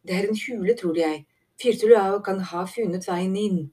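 A woman's voice: mid-range voice, dark tone, natural voice. A woman voicing a brave young male mole who calls out urgent orders in a raised voice. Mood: earnest.

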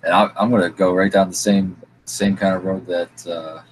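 A man's voice: low voice, flat delivery, normal speed, a little hiss or hum, rough recording. A man chatting casually on a livestream panel with a laid-back, stoned drawl. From Michigan. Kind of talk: casual chat.

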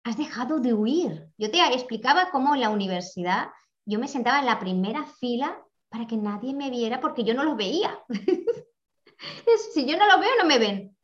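Animated woman with lively repeated phrases. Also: on the high side, moderate pace. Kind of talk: reflective conversational talk. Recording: muffled lo-fi audio.

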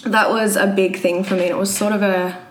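A woman's voice: medium pitch, level tone, fairly quick. A woman in her twenties with a Queensland Australian accent, telling her personal story casually and a little hesitantly as an interview guest. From Brisbane, Australia. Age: 20s. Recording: roomy echo, audible background noise.

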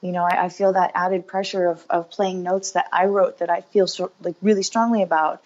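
A woman's voice: on the low side, little pitch movement, a little fast, a little mellow, muffled recording. A woman in her thirties talking in a casual interview as a guest musician, upbeat and chatty with lots of fillers. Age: 30s.

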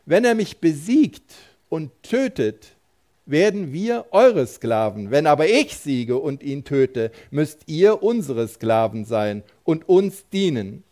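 A man voicing a boastful giant Philistine warrior, loud and drawn-out in his taunts. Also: a little high, expressive. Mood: taunting.

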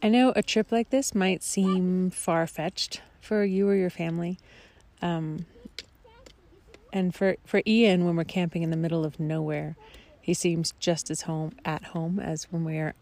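A woman's voice: lowish voice, steady tone, a little slow, darkish tone. A woman talking casually to a vlog audience in a reflective, hesitant way. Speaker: family camping vlogger.

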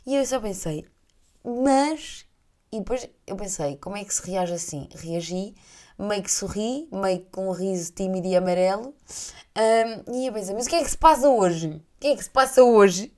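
Laughing often and mimicking other voices, a young adult podcast host with a European Portuguese accent shares lively anecdotes in casual conversation. She speaks at normal speed in a mid-range voice.

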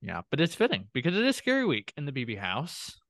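A man's voice: on the high side, huge pitch swings, fast talker, fairly bright tone, no echo, studio quality. A man hosting a reality TV recap podcast, chatting casually with a playful, sing-song delivery. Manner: playful, sing-song intro with spooky asides. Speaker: podcast host.

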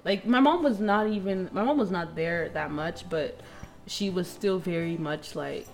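A woman's voice: lowish voice, a little slow, darkish tone, soft background music. A young woman from the United States hosting a podcast, chatting casually and laughing often. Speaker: podcast host. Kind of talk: casual chat.

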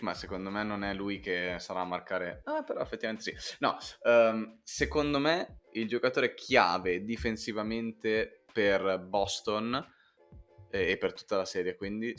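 A man hosts a casual sports discussion in a slightly deep voice. He is emphatic and informal, sprinkling English jargon into his points, with faint music behind him. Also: unhurried, fairly bright tone. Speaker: sports podcast host. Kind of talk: casual basketball chat.

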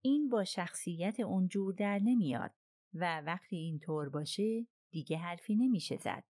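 A woman's voice: on the low side, lively intonation, dark tone, no room sound, clean studio sound, natural voice. A woman reading the part of a polite, thoughtful middle-aged male detective in an audiobook, speaking courteously and musingly.

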